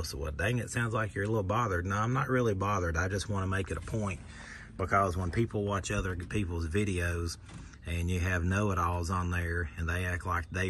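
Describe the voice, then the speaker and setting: Deep-voiced man showing his work truck. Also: a bit bright, a little hiss or hum. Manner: plainspoken, defensive toward critics. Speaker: pressure washing business owner. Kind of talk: casual walkthrough vlog. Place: outdoors by a pickup truck bed. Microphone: phone camera held by the speaker.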